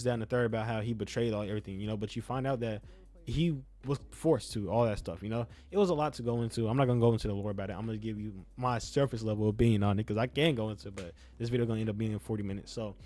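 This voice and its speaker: Here a young man's voice sits fairly low with a darkish tone. A YouTube gaming content creator who says he has a slight speech impediment, he offers loose, slang-heavy, opinionated game commentary, often repeating himself to drive points home.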